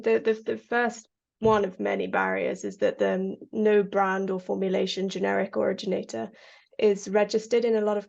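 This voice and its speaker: Woman from Kenya, researcher in an interview, gravelly low-fi sound, earnest, halting with fillers. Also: a little mellow. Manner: earnest, many fillers and restarts, laughs often. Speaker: Parkinson's researcher. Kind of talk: interview answers. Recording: lo-fi audio.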